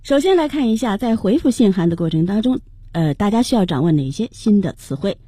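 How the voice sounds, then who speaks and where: Lively husky woman co-hosting a radio lesson. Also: medium pitch, a little fast, no room sound, clean studio sound. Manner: announces each new word, lively and prompting.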